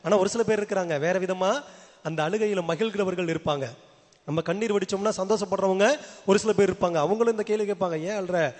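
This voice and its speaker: A man's voice: high voice, a little fast, darkish tone. A man with a Tamil accent preaching a sermon as a priest, asking the congregation question after question. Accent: Tamil Nadu. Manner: repeats rhetorical questions to the congregation. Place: large church. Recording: long church reverb.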